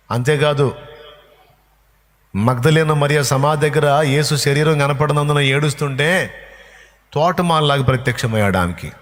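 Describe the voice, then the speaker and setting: A man's voice: medium pitch, fairly bright tone. A male pastor preaching a sermon, emphatic and repetitive as he drives each point home. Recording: long hall reverb.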